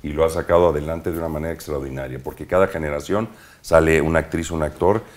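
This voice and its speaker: Very deep-voiced Mexican man telling stories. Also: fast talker. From Mexico, Veracruz. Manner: animated anecdotes with sound words and slang. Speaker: actor, interview guest. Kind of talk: casual interview storytelling.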